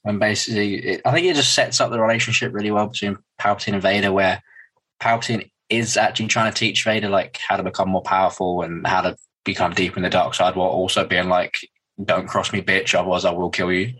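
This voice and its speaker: A man's voice: low voice, fairly even intonation, quick pace, fairly bright tone, poor audio. A man co-hosting a podcast, casually retelling comic scenes with filler words. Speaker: podcast co-host.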